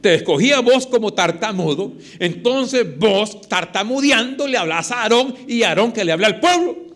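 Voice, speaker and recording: A man's voice: sits high, expressive, moderate pace, a bit bright. A male preacher voicing God as an insistent, commanding man who repeats himself for emphasis. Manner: emphatic repetition.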